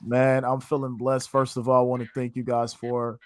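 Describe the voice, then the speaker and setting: Recorded dry with studio quality, this Haitian man, a trading educator, gives a casual interview answer in a passionate, preacher-style, faith-laden way, peppered with "man" and "you know what I'm saying." His mid-range voice is delivered completely flat at a normal speed.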